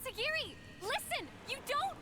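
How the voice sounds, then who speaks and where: A woman's voice: very high voice, big pitch swings, normal speed, very noisy. A woman voicing a fiery, defiant young girl fighter in a video game, with impassioned delivery. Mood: pleading. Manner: impassioned, outraged shouting.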